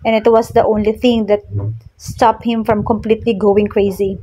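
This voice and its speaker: A woman storyteller reading a romance story aloud in a steady, dramatic way. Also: mid-range voice, normal speed, a little hiss or hum, low-quality recording. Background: soft music.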